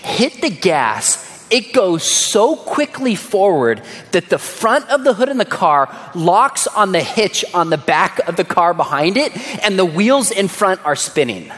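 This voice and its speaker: A man preaching a sermon in a big, echoing hall. His voice sits a little high and swings widely in pitch as he tells his stories, and he sinks to a hush on the words that matter. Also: very animated, a little slow. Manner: dramatic storyteller, dropping to a hush on key words. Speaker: pastor. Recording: echoey hall.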